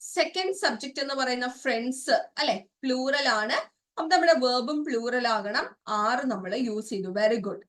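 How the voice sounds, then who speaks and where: A woman's voice: high voice, expressive, normal speed, a bit bright, distant mic. A woman with a Malayali accent teaching an English grammar lesson for exam prep, explaining step by step and asking checking questions.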